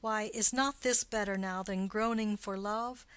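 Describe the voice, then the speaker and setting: A woman's voice: medium pitch, fairly even intonation, a little slow, a bit bright, clear, resonant tone, no room sound, natural voice. A woman voicing a witty, mocking young male nobleman in an audiobook play reading, with teasing, theatrical wordplay.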